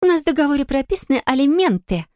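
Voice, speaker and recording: Lady doing a squealy spoiled young wife, high and whiny, dry close sound. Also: fast, mellow, no room sound, natural voice. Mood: wheedling. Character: shrill capricious young wife, greedy and dramatic. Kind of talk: audiobook character voice.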